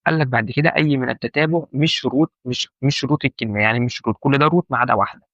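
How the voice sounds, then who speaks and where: A man's voice: medium pitch, racing, fairly bright tone, no room sound, muffled recording. A man with an Egyptian Arabic accent teaching an informal lesson, repeating key points and asking the listener questions. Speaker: medical terminology instructor.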